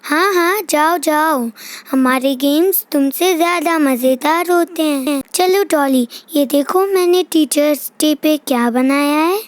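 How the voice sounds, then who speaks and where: A tiny, piping little girl chatters away in a slow, sing-song manner, fussing over her toys and scolding her brother. Her voice sits extremely high and unhurried, and the recording is close and dry, with no room around it. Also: no room sound. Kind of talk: toy doll play voice-over.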